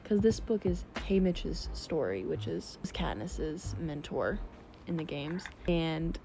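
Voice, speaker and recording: A young woman vlogging casually about her reading, chatty and excitable, saying "like" a lot. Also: low voice, slow pace, vocal fry, noisy background. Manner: chatty and excitable, heavy use of "like". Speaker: book vlogger. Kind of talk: casual vlog chat. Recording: background music under the voice.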